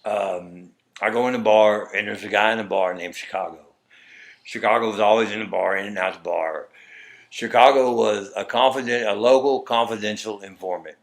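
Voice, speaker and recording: At a moderate pace and fairly low pitch, a middle-aged Texan guest in an interview spins a long story, wandering as he goes. He voices what other people said, acting out their dialogue as he tells it conversationally.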